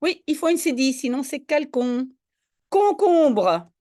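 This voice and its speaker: A woman's voice: high voice, big pitch swings, normal speed, dark tone. A woman tutoring a student in French spelling, patiently explaining each word step by step. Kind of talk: one-on-one spelling lesson.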